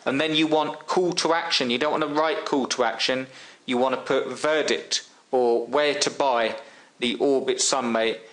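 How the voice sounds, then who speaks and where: A man's voice: medium pitch, steady tone, moderate pace, a bit bright. Man, casual tutorial host, talks like he's chatting over coffee. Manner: chatty, friend-to-friend tone with frequent ums and restarts. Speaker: online marketing tutor. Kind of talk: casual screen-share tutorial.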